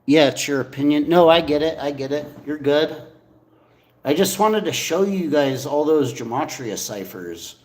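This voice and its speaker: Brief: a man streamer talking loudly and insistently in slangy speech, from an echoey room, with a warm, dark voice. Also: a little high, lively intonation, normal speed. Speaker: livestream host. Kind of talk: casual livestream talk to viewers.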